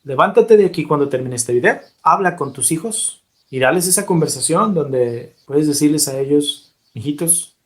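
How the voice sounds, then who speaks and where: A man preaches by retelling a story, animated and emphatic. He slows down deliberately on key points, and his voice is pitched somewhat high for a man. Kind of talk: sermon-style storytelling.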